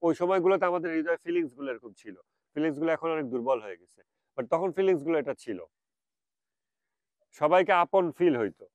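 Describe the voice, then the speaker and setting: A man with a Bangladeshi Bengali accent gives a reflective religious talk, slipping slow English phrases into his speech. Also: fairly high pitch, expressive, darkish tone, no room sound. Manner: mixes English phrases, stretches them out slowly. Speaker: speaker.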